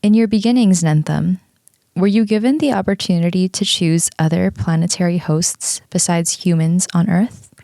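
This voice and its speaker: A woman voicing a male hypnotherapist who asks his patient careful, measured questions. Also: on the low side, creaky, mellow, no room sound. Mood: probing.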